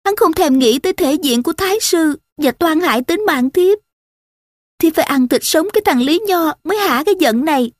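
A woman voicing a tearful young concubine who pleads in a high, wailing lament. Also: expressive, moderate pace, dry recording, clean studio sound. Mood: bitter.

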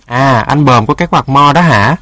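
A man's voice: mid-range voice, moderate pace, bright, forceful tone, no room sound, clean studio sound, close to an everyday voice. A man voicing a curious, naive little boy in a storybook, asking eager questions.

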